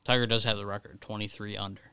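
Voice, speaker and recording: Bright, crisp-voiced man in casual chat. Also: fairly low pitch, level tone, quick pace, no room sound. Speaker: podcast co-host.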